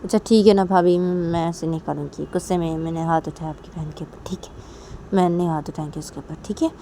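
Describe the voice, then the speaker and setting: A woman's voice: lowish voice, steady tone, brisk, warm tone, a little hiss or hum, close to an everyday voice. A woman voicing a remorseful young woman who apologizes while explaining herself. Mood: apologetic. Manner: apologetic, self-justifying.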